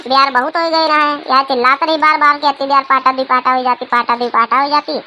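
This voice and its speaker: Woman voicing a young village woman, chatty, teasing, cartoon comedy, sharp bright tone. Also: high-pitched, steady tone, a little fast, highs cut off, a little hiss or hum.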